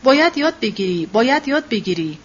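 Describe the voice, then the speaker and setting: A woman's voice: a little high, very animated, breathy edge, highs cut off, pitched above the performer's own voice. A woman voicing an anxious, proud young mother who speaks in an emotional, insistent way.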